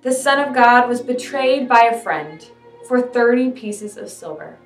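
A woman's voice: fairly high pitch, expressive, measured pace. Woman praying in an echoey room. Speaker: scripture reader leading prayers. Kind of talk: Good Friday scripture reading and prayer. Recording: echoey room, voice from a distance, soft music behind.

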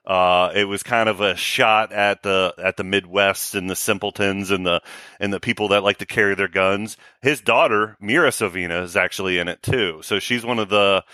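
A man's voice: fairly low pitch, fairly even intonation, moderate pace, bright, forceful tone, smooth, no echo. A man co-hosting a podcast, chatting casually about a movie and ending many of his points with "right?". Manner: tags statements with "right?". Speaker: podcast co-host. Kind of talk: casual movie review chat.

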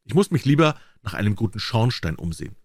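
A man's voice: lowish voice, big pitch swings, fast, dry recording. A man voicing a small, proud male swallow in a storybook reading, talking in a chirpy, fussy, self-important way. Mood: pleased, puzzled.

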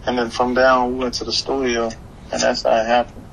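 Speaking briskly with a completely flat delivery, a young man with a medium-pitched, fairly bright voice chats casually as an interview guest. The hip-hop artist came from Haiti to the US at eleven and lives in Florida, and he talks in slang, repeats phrases and often says "you know what I'm saying." There's clearly noisy ambience in the background.

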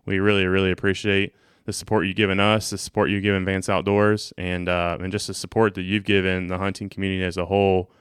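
A man in his thirties hosting a podcast, talking in an earnest, measured way. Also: deep voice, little pitch movement, fairly bright tone, clean tone, no echo, clean studio sound. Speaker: podcast host. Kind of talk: casual chat.

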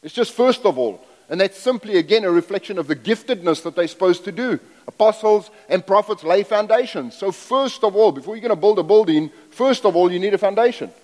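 A middle-aged guest preacher, a man from Zambia by way of South Africa, speaking in a fairly high voice. He is folksy and self-deprecating and wanders into asides. His voice rings through a church sanctuary with a long reverb. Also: lively intonation, brisk, few pauses, a little mellow. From Zambia, raised in South Africa. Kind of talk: sermon.

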